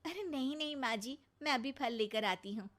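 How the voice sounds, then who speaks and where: A woman's voice: high voice, animated, moderate pace, a bit bright. A woman voicing a patient young daughter-in-law in a cartoon, polite but exasperated. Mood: pleading. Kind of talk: cartoon voice acting.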